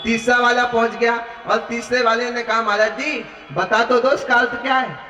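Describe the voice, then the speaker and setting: A man's voice: extremely high pitch, steady tone, normal speed, bright, forceful tone. A man giving a devotional discourse to devotees, telling stories and chanting verses. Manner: addresses listeners as devotees, tells stories, breaks into chanting. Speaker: devotional storyteller preacher. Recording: echoey hall, distant mic, faint music.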